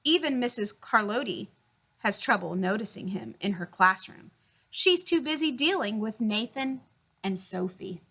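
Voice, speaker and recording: A woman with a mid-range, slightly rough voice reads a children's picture book aloud, using an expressive, deliberate storytelling style.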